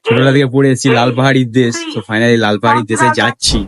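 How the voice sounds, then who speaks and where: A man's voice: mid-range voice, steady tone, rapid-fire, a loud crowd. A young man from West Bengal, chatting casually as a travel vlogger at a train station and on a train, filmed on a handheld camera and often asking "right?". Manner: chatty, keeps asking "ঠিক আছে?", talks softly when alone.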